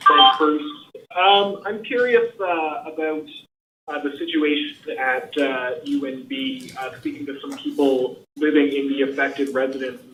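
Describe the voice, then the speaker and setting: A man's voice: a little high, very animated, unhurried, noisy background. Hesitant male reporter on a distant, echoey line. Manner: hesitant, many fillers. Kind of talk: press conference question.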